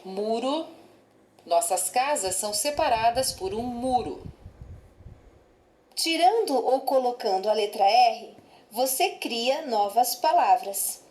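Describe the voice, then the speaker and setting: A woman reading exercise prompts aloud in a measured way. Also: on the high side, animated, darkish tone, reverberant, low-quality recording. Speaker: lesson narrator.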